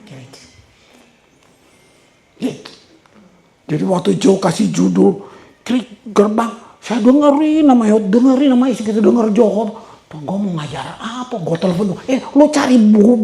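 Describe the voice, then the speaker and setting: Gravelly man preaching in roomy hall. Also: high-pitched, dark tone. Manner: storytelling, repeats words for emphasis. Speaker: pastor. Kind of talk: sermon. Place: church hall. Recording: roomy church hall echo.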